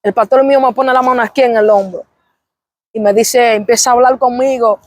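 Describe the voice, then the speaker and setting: Young woman, high bright voice, dry close mic; passionate church testimony, repeats herself, cries out praise. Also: fairly even intonation, fairly quick, no echo. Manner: fervent, repetitive storytelling with exclamations of praise. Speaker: interview guest. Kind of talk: emotional religious testimony.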